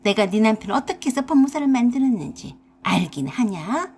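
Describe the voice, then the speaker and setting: A woman's voice: fairly high pitch, very animated, fairly quick, a little mellow, breathy edge. A woman voicing a bossy, scolding older mother-in-law with an in a radio drama. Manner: harsh, nagging, scolding.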